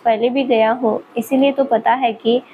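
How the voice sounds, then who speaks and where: A woman's voice: fairly high pitch, steady tone, normal speed, narrow, tinny audio, a little hiss or hum, close to an everyday voice. A woman voicing a playful, mischievous young male professor who teases and laughs at his student. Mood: teasing. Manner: teasing, laughing at her.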